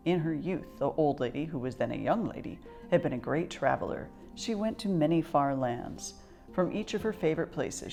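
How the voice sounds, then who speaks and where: A woman with a deep, gravelly voice reads a children's picture book aloud as a storyteller. Her delivery is expressive and measured.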